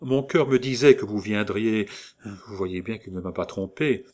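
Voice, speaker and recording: A man's voice: a little slow, darkish tone. A man reading aloud gives voice to a pious, anxious young woman, speaking in a raised, pleading tone. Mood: weary tender. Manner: pleading, emotional, raised pitch.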